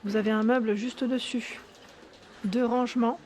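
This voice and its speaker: A woman's voice: a little high, fairly even intonation, normal speed, a little mellow, slight background noise. A woman giving an enthusiastic, chatty walkthrough vlog in a furniture store showroom, often tagging "hein" and correcting herself. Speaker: YouTube vlogger.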